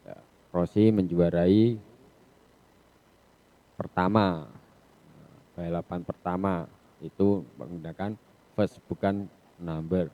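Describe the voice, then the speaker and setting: A male English teacher with an Indonesian accent, giving an online lesson, explaining slowly in a mix of Indonesian and English with hesitant restarts. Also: low voice, steady tone. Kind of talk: online class lecture. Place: home or classroom on a video call. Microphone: video call. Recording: dull lo-fi video call audio.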